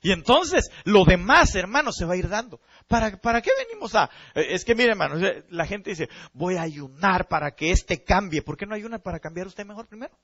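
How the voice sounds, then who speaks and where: A male pastor in full sermon, talking straight to his congregation with big rises and falls in his voice. His pitch sits a little high for a man and swings widely. The sound is dry and somewhat muffled. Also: fairly quick, few pauses, breathy edge, no room sound. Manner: animated preaching, often addressing listeners as brother.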